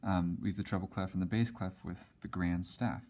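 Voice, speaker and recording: Male music teacher, low voice, relaxed and halting, talks while drawing on a board. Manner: casual, hesitant with many ums and restarts. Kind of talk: whiteboard music lesson.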